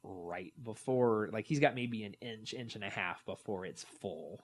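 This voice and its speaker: A man's voice: lowish voice, measured pace, slightly rough. A man in his thirties co-hosting a podcast, telling stories casually and acting out the quotes. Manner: animated storytelling, acts out quotes. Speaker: podcast co-host. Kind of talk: casual chat.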